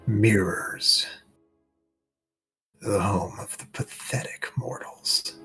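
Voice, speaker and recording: A man's voice: fairly low pitch, pushed and bright, full character voice. A man voicing a twisted, sinister dryad in a sultry, menacing whisper, as whispered role-play.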